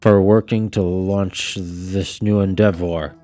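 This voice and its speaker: A man voicing a brooding, volatile scarred man who speaks slowly and haltingly. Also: low-pitched, fairly even intonation, warm tone. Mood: measured. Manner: slow, halting, drawn-out speech.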